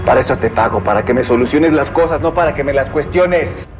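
A man's voice: medium pitch, fairly quick, muffled recording, music in the background, natural voice. An actor playing a menacing male drug lord boss, speaking in a commanding, insulting way in telenovela dialogue.

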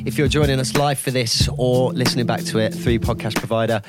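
A man's voice: mid-range voice, fairly even intonation, fast talker, loud music behind the voice. Chatty British male podcast host. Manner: chatty, rambling, self-correcting. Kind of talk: casual podcast chat.

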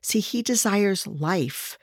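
A woman hosting a devotional podcast, speaking earnestly to listeners and slowing down to stress scripture. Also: medium pitch, animated, slightly rough, no echo, studio quality. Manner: addresses listeners directly. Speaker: podcast host.

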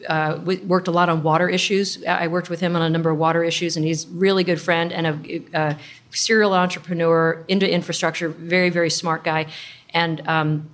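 A middle-aged woman speaking as a startup founder in an interview, explaining things informally with plenty of industry jargon. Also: lowish voice. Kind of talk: conversational interview storytelling.

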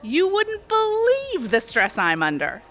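A woman's voice: high voice, wildly swooping pitch, takes it slowly, fairly bright tone, heavily acted. An actress in her thirties playing a sly, chatty cocktail waitress and aspiring actress in an audio drama. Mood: breezy. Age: 30s. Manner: chatty, sly, sweetly condescending. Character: scheming woman bar waitress, aspiring actress.

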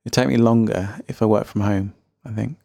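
A man's voice: fairly low pitch, fairly even intonation, fairly quick, gravelly, dark tone, dry recording, clean studio sound. A man with a faint Birmingham accent hosting a casual solo music podcast, chatty, rambling and self-deprecating. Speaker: podcast host.

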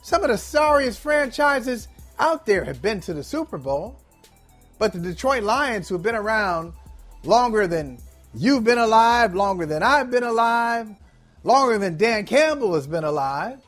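Brief: middle-aged male sports host, very high voice, teasing and animated, faint music behind. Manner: teasing, animated, acts out quoted fans. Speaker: podcast co-host. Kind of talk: casual sports talk.

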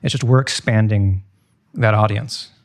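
A man's voice: lowish voice, a little slow. A man speaking as a museum tour guide guest in a podcast conversation, casual and reflective.

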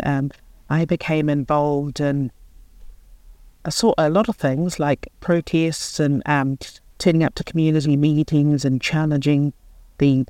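A woman's voice: sits low, warm tone, dry recording. Earnest New woman around sixty. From New Zealand. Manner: earnest, unhurried, pauses to find words. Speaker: local board chair, guest. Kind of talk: radio interview.

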